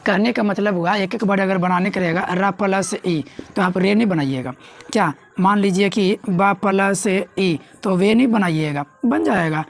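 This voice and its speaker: A woman teaches a grammar lesson in a mid-pitched voice. She keeps asking the class questions and answers them herself, coaxing them along. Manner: repeats questions to students, coaxing.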